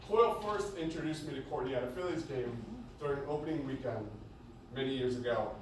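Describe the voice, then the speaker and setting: A young man giving a humorous best man speech, joking and pausing between short phrases. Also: mid-range voice. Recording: echoey venue, distant mic, noisy background.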